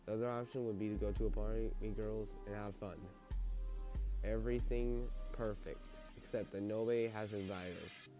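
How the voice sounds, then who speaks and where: A low-voiced man reads a game's story aloud as its narrator. He stumbles over phrases and corrects himself as he goes, with music clearly playing behind him. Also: fairly even intonation. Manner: halting reading with stumbles and self-corrections. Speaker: player reading a visual novel aloud. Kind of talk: narrated read-through with character dialogue.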